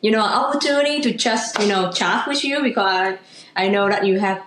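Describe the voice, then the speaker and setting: A woman from Vietnam in her thirties talks through a casual interview in English, her second language. Her Vietnamese accent is clear, her sentences halting and padded with fillers. The sound carries a noticeable room echo. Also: medium pitch, fairly bright tone, slight background noise. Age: 30s. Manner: halting, many "you know" and "like" fillers, laughs easily. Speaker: guest, real estate agent.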